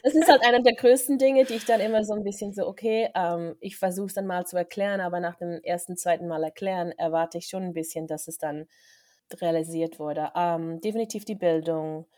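Her voice on the low side, warm and fairly quick, a young woman from Switzerland talks as a podcast guest in a relaxed interview. She's a film director, and her speech is reflective and hesitant, full of fillers.

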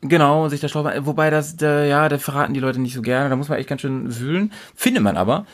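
A man's voice: a little high, quick pace. A man co-hosting a casual podcast chat, thinking aloud in an easy way with frequent fillers. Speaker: podcast co-host.

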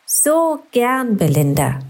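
A woman voicing a kind, cosy female worm in a children's storybook, talking in a caring, gently chatty way. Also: on the high side, very animated, slow, pitched above the performer's own voice, heavily acted.

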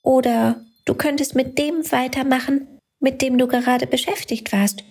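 A tiny, kind talking light from a storybook, played by a woman reading aloud. It speaks slowly and soothingly, pitched up high, with a soft breathy edge. It offers gentle encouragement in a caring tone. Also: expressive, exaggerated voice.

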